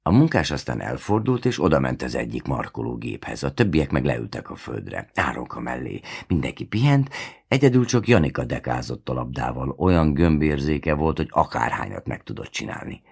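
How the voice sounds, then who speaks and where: A man narrating a novel in the first person, with a measured, unhurried storytelling manner. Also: extremely low pitch, very animated, creaky, darkish tone, breathy edge. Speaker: audiobook reader.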